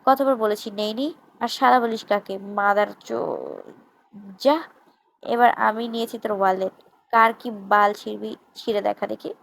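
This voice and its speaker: A woman's voice: mid-range voice, big pitch swings, unhurried, vocal fry, long pauses, slight background noise, rough recording. A woman reading the lines of a defiant young man who swears back at his accuser in a club brawl. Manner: defiant, crude, provoking.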